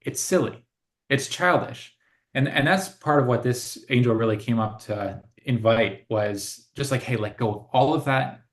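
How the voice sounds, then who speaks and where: A man's voice: mid-range voice, normal speed. A man co-hosting a casual spiritual conversation, speaking in an earnest, reflective way and laughing often. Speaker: co-host.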